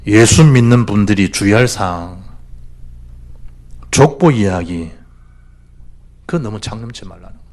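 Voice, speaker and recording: Animated Gyeongsang pastor preaching. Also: male voice, fairly low pitch, normal speed, long pauses. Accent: Gyeongsang Korean. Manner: animated, swings between loud exhortation and hushed asides. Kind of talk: sermon. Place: church.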